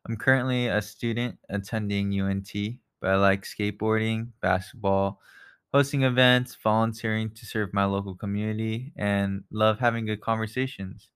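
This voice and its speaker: A man in his twenties from the United States, co-hosting a casual podcast, easygoing and quick to laugh. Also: on the low side, steady tone, clean tone. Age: 20s. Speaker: podcast co-host.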